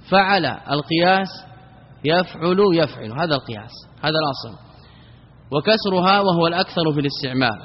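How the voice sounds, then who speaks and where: A man's voice: on the high side, husky. A man teaching classical Arabic grammar, repeating key terms and asking and answering his own questions. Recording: dull recording in a reverberant hall.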